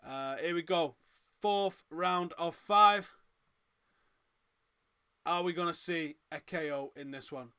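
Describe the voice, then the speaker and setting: A man's voice: on the high side, slow pace, pauses often, smooth. A man with a Manchester accent hosting a live fight watchalong, giving chatty reaction commentary and reading out viewer comments. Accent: Northern English, Manchester. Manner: chatty, reads out viewer comments, gets loud and excited at big moments.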